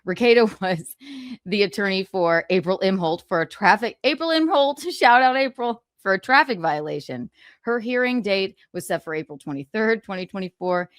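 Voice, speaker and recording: This woman streamer's mid-range voice is expressive and moderately paced as she reads a book aloud. She breaks away for sarcastic remarks and frequent chuckles, and thanks viewers for donations partway through. The studio sound is clean, with no room sound.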